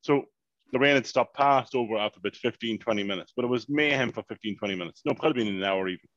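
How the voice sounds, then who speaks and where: A man, telling a long, animated story in casual podcast chat and swearing freely. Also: medium pitch, fast, no echo, lo-fi sound. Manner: animated, swears freely, repeats "mayhem" and "unbelievable". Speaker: podcast co-host.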